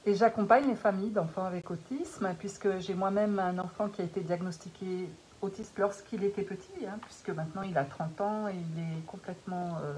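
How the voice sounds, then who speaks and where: A middle-aged woman, a naturopath and life coach, talking to parents in a live stream she records on her phone, calm and measured, with many pauses and fillers. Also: medium pitch, low-quality recording. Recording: faint hiss on a phone recording.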